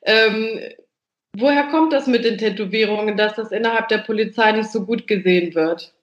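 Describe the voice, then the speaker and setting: A woman's voice: mid-range voice, normal speed, roomy sound, dull audio. A woman interviewer asking questions in a chatty, personal way. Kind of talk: conversational interview.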